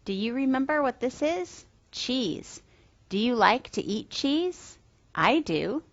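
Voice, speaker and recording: A woman's voice: sits high, sing-song, takes it slowly. A woman giving a question-and-answer lesson for young learners, as if reading to a toddler, asking simple questions and answering them plainly. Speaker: children's English teacher. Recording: slightly dull, dry close sound.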